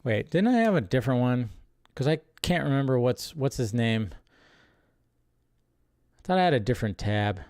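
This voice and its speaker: With a clear, resonant, mid-range voice, a man hosts a casual live show on movie news. He rambles through his remarks animatedly, slipping in exasperated asides.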